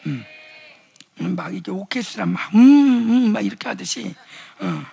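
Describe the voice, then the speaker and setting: A woman's voice: mid-range voice, expressive, moderate pace, gravelly, mellow, slightly rough. A middle-aged woman preaching a casual, chatty sermon to young adults, acting out quoted voices and rising to fervent exhortation. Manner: acts out quoted voices and mutters asides. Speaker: pastor's wife preaching at a youth revival.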